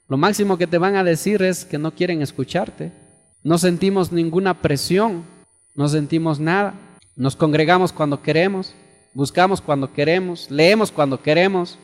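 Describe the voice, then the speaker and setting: A man's voice: a little high, big-room sound. A man preaching a sermon as pastor, emphatic, repeating phrases and putting questions to his congregation. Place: church hall.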